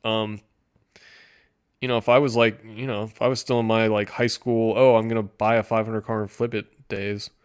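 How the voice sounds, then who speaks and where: A man giving sarcastic commentary, deadpan with mock-enthusiastic outbursts. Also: lowish voice, normal speed, clean tone. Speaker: streamer reviewing car listings.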